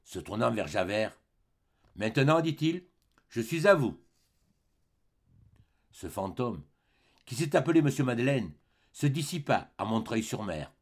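A man reading a classic novel aloud as an audiobook, expressive, dropping low and soft at grave moments. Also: slightly rough. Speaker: audiobook reader. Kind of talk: dramatic audiobook narration.

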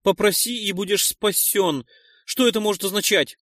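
A man voicing a young former guide, earnest and anxious, quick to argue. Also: high-pitched, no echo, studio quality, pitched above the performer's own voice. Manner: pleading, excitable, quick to argue. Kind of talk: audiobook character voice.

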